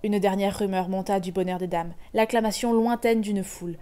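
A woman giving an expressive dramatic reading from a classic novel. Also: mid-range voice, normal speed, clean tone, faint music behind. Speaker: reader.

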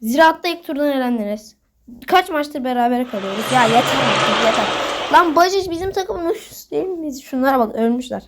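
A woman's voice: high-pitched, animated, a little fast. A woman giving casual commentary while playing a football manager game, getting worked up and scolding the players on screen as she talks to her viewers. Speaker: gaming video host.

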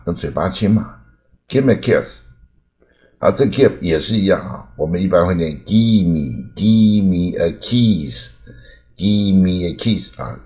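一位来自台湾的男老师，以母语中文随口讲解美式英语发音，句尾常带"啊""嘛"，示范单字时放慢重复。. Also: male voice, low-pitched, a little mellow. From Taiwan. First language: Mandarin. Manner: chatty, fills with "啊" and "嘛", repeats words slowly to demonstrate. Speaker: English pronunciation teacher. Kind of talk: casual spoken lesson.

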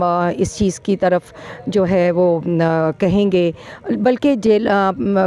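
A woman gives an on-the-spot interview outdoors at a cricket ground. Her tone is mellow and her speech halting, full of pauses and fillers. She speaks into a handheld reporter mic. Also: medium pitch. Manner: hesitant, many pauses and fillers. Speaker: provincial assembly member.

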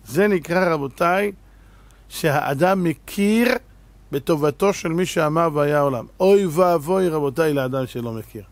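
A male rabbi giving an animated, exhortative sermon, telling stories dramatically. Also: on the high side, no room sound. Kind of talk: sermon with humorous storytelling.

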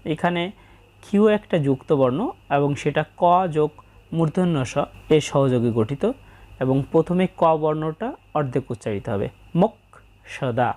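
A woman's voice: sits low, warm tone. Woman carefully teaching pronunciation. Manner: slow, careful, syllable-by-syllable explanation. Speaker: religious teacher. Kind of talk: pronunciation lesson.

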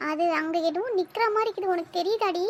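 A woman's voice: very high voice, fast talker, noisy background. A woman voicing a nervous but bossy young village woman in a cartoon, scolding and fretful. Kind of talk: cartoon voice acting.

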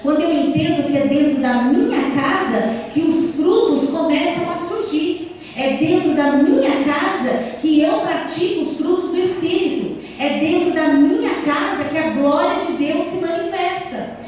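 Speaking into a handheld mic in a small church hall, a woman in her thirties earnestly addresses married couples. Her very high-pitched voice is unhurried and a little mellow, recorded by a distant camera in the echoey hall with some hiss or hum.

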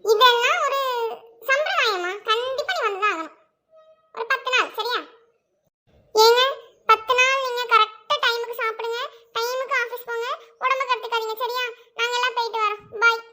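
A woman playing a bossy middle-aged mother with a bright, very high voice. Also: normal speed, long pauses. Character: fussy middle-aged mother visiting her married daughter. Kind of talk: comedy sketch acting.

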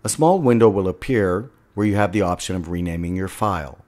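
A man with a very low voice briskly instructs over a screen recording in a step-by-step software tutorial. His guidance stays plain and steady throughout.

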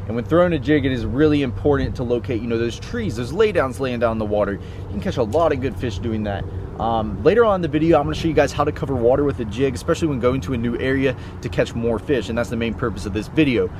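A man's voice: mid-range voice, animated, fast talker. A young man hosting a fishing video outdoors by a pond, explaining techniques in a chatty way with lots of fillers. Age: young adult. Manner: chatty, fillers like "you know" and "um". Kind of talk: casual outdoor instruction. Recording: outdoor recording with clear background noise.

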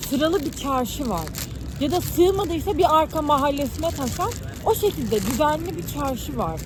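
A young woman from Ankara chatting casually and talkatively, explaining things with everyday examples like a student vlogger. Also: high-pitched. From Ankara, Turkey. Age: young adult. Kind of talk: casual chat over a meal. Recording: noisy urban ambience with traffic.

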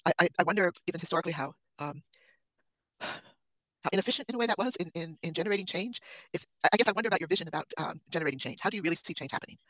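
A woman's voice: on the low side, animated, very fast, fairly bright tone, dry recording. Probing older woman on a headset. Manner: probing, stammering. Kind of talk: interviewing on a video call. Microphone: headset mic on a video call.

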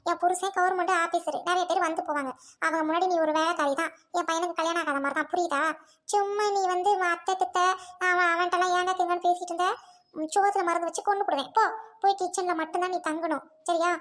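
A woman plays a scornful rich mother-in-law whose voice sits very high. She barks harsh orders in a family drama. She stays bossy and threatening. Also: fairly even intonation, fast, a bit bright. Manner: bossy, scolding, harsh commands. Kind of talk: amateur Tamil family drama acting.

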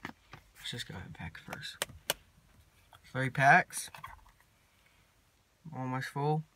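A teenage boy, rambling casually to his phone camera from inside a parked truck, mumbling in a laid-back drawl with long pauses. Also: medium pitch, lively intonation, creaky, bright, forceful tone, no echo. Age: teens. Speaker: vlogger. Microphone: phone camera at arm's length.

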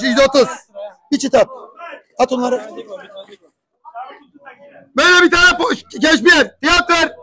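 A young man runs a pigeon auction, calling out prices again and again in a very high, bright voice. His delivery is slow and drawn out, and his throat sounds strained from hours of shouting. He keeps pushing the bidders and begging the room to quiet down. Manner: loud, repetitive price calling, pleading for quiet. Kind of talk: calling bids at a live auction.

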